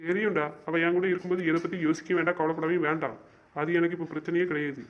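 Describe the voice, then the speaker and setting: In an amateur web drama, a young man plays a stubborn boyfriend who is hurt and fed up with his girlfriend, frustrated, insistent, exasperated and repeating himself. His voice is fairly high and natural, with little pitch movement and a fast pace. The recording is dull and lo-fi.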